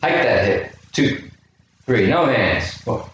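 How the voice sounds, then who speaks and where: A man with a mid-range, fairly bright voice and lively intonation speaks slowly as he leads kids through a home workout, counting reps and asking encouraging questions. He's a youth fitness coach in an indoor room with a chair, captured by a distant camera mic. The audio is muffled, very echoey, with faint noise.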